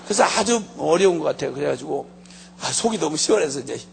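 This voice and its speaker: Animated, high-pitched gravelly male preacher. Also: fast, slight background noise. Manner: lively storytelling with comic asides. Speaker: pastor. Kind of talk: sermon.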